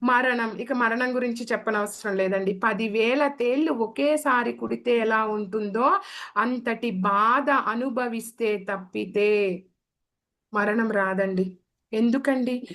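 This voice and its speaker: A woman's voice: a little high, bright, forceful tone. A woman giving a devotional sermon, asking the audience rhetorical questions and acting out the quotes. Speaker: spiritual speaker.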